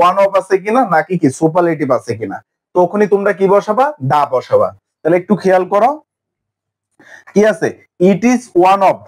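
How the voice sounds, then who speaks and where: High-voiced man teaching grammar. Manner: asks rhetorical questions and answers them himself. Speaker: English teacher. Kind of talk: online grammar lecture.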